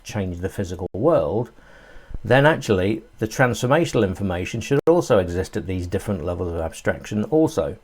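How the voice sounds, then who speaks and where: A man's voice: on the low side, darkish tone. A man giving a live online tutorial, explaining his ideas step by step and thinking aloud with many fillers. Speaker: course instructor.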